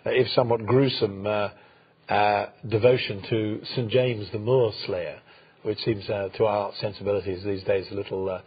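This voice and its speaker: A man co-hosting a history program, talking through events without a script, with many pauses, fillers and restarts. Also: on the low side, steady tone, slightly rough. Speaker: co-host, history presenter. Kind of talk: unscripted history talk. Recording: dull lo-fi sound.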